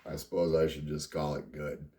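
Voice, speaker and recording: Deep-voiced man, candid confessional talk. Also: level tone, normal speed, warm tone. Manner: candid, rambling, wry laughs. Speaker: vlogger. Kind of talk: personal confessional monologue. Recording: roomy sound, distant from mic.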